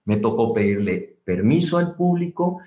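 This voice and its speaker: A man's voice: medium pitch, sing-song, moderate pace, warm tone. A man, a speaking coach, explaining technique expressively as an interview guest and stressing words to demonstrate. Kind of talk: animated explanatory talk. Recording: roomy echo.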